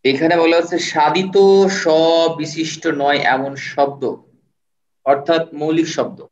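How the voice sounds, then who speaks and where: A man teaching an online class, patiently repeating words and sounding them out slowly. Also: on the high side, steady tone. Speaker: online tutor. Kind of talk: live online lecture. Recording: roomy, distant, dull sound.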